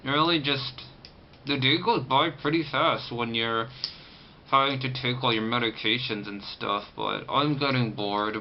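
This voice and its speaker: A man talks with a sore jaw held shut, his words tight and restricted. He speaks casually and haltingly in a personal vlog style, often trailing off. The recording is dull and lo-fi, with clear noise behind him. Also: medium pitch. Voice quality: restricted, tight-jawed articulation from a banded, sore jaw after surgery. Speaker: vlogger. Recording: muffled, lo-fi camera audio with clear background noise.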